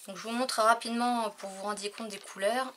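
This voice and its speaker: A woman talking casually through a crafting haul, hesitant with many fillers and often trailing off quietly. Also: fairly high pitch, steady tone, moderate pace, slight background noise. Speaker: crafting vlogger.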